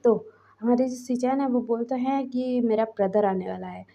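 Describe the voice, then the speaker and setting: Brief: woman storyteller, casual chatty narration, high mellow voice, slightly muffled recording. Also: steady tone, moderate pace, creaky. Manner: chatty, rambling retelling. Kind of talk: casual fan fiction narration.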